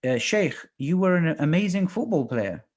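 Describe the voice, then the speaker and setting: A man's voice: on the high side, lively intonation, moderate pace, a little mellow. A man in his thirties hosting a video call interview, asking friendly, upbeat questions over a headset. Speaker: host. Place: small indoor room.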